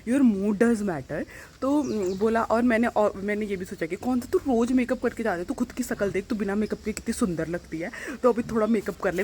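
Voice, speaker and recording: A woman's voice: medium pitch, darkish tone, slight background noise. Chatty woman vlogging at home. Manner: chatty, rambling, mixes in English phrases. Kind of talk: casual daily vlog chat.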